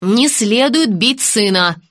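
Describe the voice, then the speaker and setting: A woman reading an audiobook, voicing a stern clinic worker who speaks slowly and firmly. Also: fairly high pitch, lively intonation, fairly bright tone, no room sound, studio quality. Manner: stern, measured. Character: stern dental receptionist woman.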